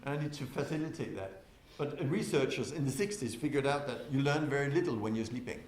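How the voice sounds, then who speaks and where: A man giving a lively conference talk to an audience, who keeps asking them questions and swings from loud to soft on purpose. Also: medium pitch, quick pace. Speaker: conference speaker. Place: windowless conference hall. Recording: echoey hall with faint noise.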